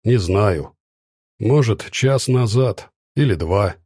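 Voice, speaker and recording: A man's voice: on the low side, lively intonation, takes it slowly, darkish tone, slightly rough, dry recording, studio quality, exaggerated voice. A man voicing a sulky, grumbling teenage boy in an audiobook.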